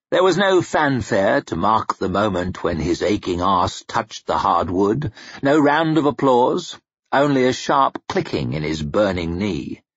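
Brief: male narrator, expressive fantasy reading with a husky, lowish voice and lively pitch. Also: no room sound. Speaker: audiobook narrator. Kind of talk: scripted narration. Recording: dull lo-fi home recording, dry.

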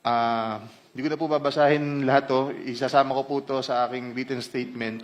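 Mid-pitched Filipino man testifying in Tagalog-English mix. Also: little pitch movement, quick pace. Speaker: engineer testifying as a witness. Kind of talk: formal read testimony.

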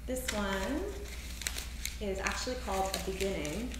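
A woman in her thirties stands on an indoor theater stage reading her poetry and prose to a live audience, introducing pieces briefly in a measured, deliberate way. She speaks at a medium pitch. The sound comes from a distant camera mic, very echoey with faint noise.

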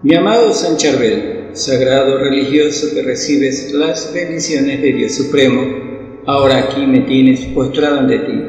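A man reciting a devotional prayer in a solemn, pleading, measured way. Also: medium pitch. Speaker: prayer reader. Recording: very echoey reverberant room, soft guitar behind.

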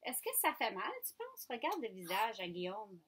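A woman teacher with a Franco-Ontarian French accent, leading young children through a phonics lesson in slow, clear, coaxing speech. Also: mid-range voice, sing-song, a bit bright. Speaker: kindergarten teacher.

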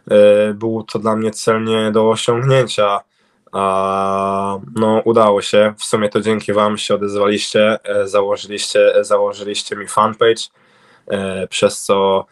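Interviewed by video call from a room at home, a young speedway cycling rider from Poland speaks through his webcam at a measured pace. His voice is on the low side and monotone, and he hesitates often with fillers and restarts.

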